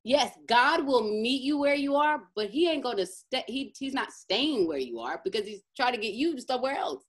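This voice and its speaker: A woman's voice: on the high side, lively intonation, moderate pace, husky. A woman pastor leading an online teaching and prayer, emphatic and fervent, often checking in with her listeners. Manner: emphatic, keeps asking "right?", fervent in prayer. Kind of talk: informal teaching then spoken prayer.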